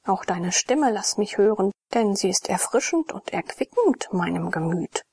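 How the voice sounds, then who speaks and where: A woman's voice: mid-range voice, animated, normal speed, darkish tone, husky, no echo. A woman voicing a troubled young priest, half-whispered and earnest, in an audiobook reading.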